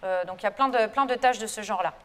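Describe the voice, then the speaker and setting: A French researcher and lecturer addresses students at a conference in a lecture hall, keeping things informal and chatty while hesitating frequently. She talks very fast at a medium pitch with a fairly bright tone, and the room leaves a long reverb tail.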